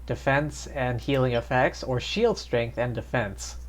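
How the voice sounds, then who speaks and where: A game streamer with a mid-range voice gives casual live commentary, thinking aloud a little slowly as he plays. Game music runs behind his voice.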